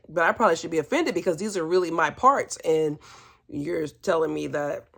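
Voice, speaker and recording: Speaking in a low, bright voice with a forceful tone, a vlogger relates a personal story. She keeps it casual, candid and chatty, often sounding amused and hesitating as she selects her words.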